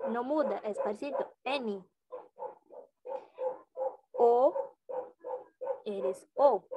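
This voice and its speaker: A young woman with a Brazilian Portuguese accent teaching a Portuguese lesson in Spanish, drawing out each letter sound slowly. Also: sits high, noisy background. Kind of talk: slow language lesson.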